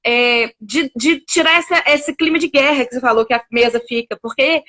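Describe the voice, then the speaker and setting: A woman's voice: sits high, normal speed, bright, forceful tone. A woman hosting a casual conversation, talking to the audience directly with a chatty manner.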